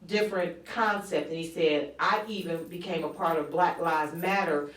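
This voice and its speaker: A woman guest in an interview, telling her story in animated fashion and acting out quotes. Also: fairly low pitch, normal speed, distant mic. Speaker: guest author. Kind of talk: conversational interview. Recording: roomy, from off-mic.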